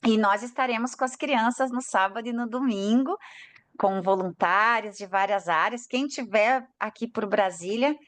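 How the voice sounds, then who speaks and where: A woman's voice: fairly high pitch, moderate pace, a bit bright. A woman hosting an online workshop, talking informally and encouraging the participants. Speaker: workshop host. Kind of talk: casual hosting on a video call. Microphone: video call.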